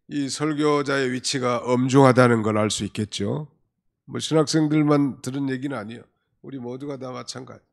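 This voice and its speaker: Man preaching in a conversational way. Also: medium pitch. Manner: conversational preaching, emphatic rises and soft asides. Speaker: pastor. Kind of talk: Sunday afternoon sermon.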